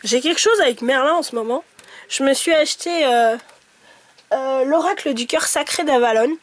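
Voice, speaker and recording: A woman chatting casually to her viewers about oracle cards, giggling often and filling her talk with pauses and restarts. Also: sits high. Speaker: tarot and oracle card reader. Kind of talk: casual chat to camera.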